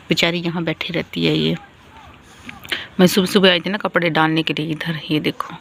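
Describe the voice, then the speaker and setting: A tired young mother talks casually into a handheld phone outdoors on a rooftop. Her voice sits in a middle pitch and stays fairly flat, with some faint outdoor noise behind it. She keeps things soft and chatty so she won't wake the baby. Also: creaky. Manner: chatty, talking softly to avoid waking a baby. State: tired, sleepy. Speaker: vlogger, mother. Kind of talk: casual family vlog talk.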